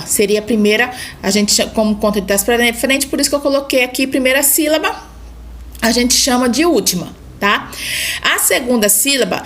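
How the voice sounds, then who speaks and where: A woman's voice: a little high, a bit bright, slight background noise. Patient Brazilian woman teaching grammar. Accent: Brazilian Portuguese. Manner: patient, repeats "tá?" to check understanding. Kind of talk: online grammar lesson.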